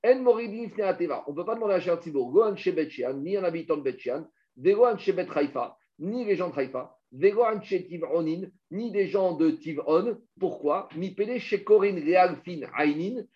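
A man teaching a Talmud study class, explaining with lively energy and weaving in quoted Hebrew and Aramaic phrases. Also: sits high, moderate pace, hardly any pauses. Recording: muffled lo-fi recording.

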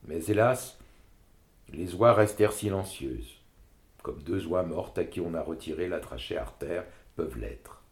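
Deep, gravelly male storyteller. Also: measured pace. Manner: expressive, dramatic. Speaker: narrator. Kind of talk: literary story reading. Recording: roomy echo.

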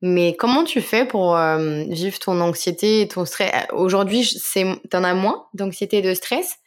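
A woman's voice: lowish voice, moderate pace. A woman hosting a podcast, asking a close friend questions in a friendly, familiar way. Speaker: podcast host. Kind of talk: casual conversational interview.

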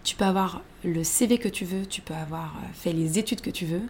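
A woman in her thirties tells her career path in a casual interview, in a fairly low voice. She talks animatedly, with many fillers and restarts. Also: a little fast, a little mellow, a little hiss or hum. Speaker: guest.

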